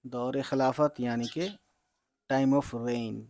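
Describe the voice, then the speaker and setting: A man teaching beginners to read Urdu, spelling words out letter by letter in a slow, patient way and talking to viewers as friends. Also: mid-range voice, fairly even intonation, a little mellow, a little hiss or hum.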